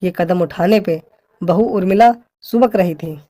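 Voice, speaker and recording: Mellow-voiced woman narrating a moral story. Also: on the low side, unhurried. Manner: reads every character in one voice, scolding and dramatic. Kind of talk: scripted narration.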